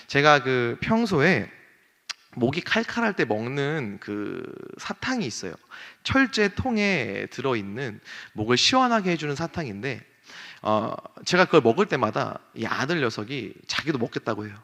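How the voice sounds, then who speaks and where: Male pastor, thirties, storytelling sermon with acted-out dialogue; mid-pitched voice, long hall reverb. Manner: storytelling, acting out family scenes with varied pitch and loudness. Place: church sanctuary.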